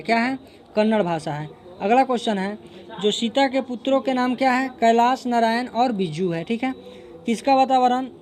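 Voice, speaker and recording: A man's voice: sits high, slight background noise. A young man, a teacher, going through an exam answer key: he reads each question and repeats the answer for emphasis.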